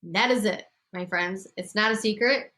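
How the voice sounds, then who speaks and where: A woman's voice: mid-range voice, normal speed, pushed and bright. A woman host with a congested voice giving casual, emphatic writing advice to a group and laughing often. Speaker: podcast host and writing coach.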